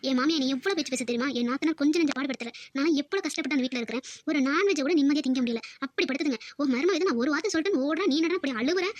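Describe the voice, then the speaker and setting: A woman's voice: sits high, expressive, very fast, few pauses, dry recording. A woman voicing a spoiled, carefree married daughter in a family skit, chatty and self-pitying. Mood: brash.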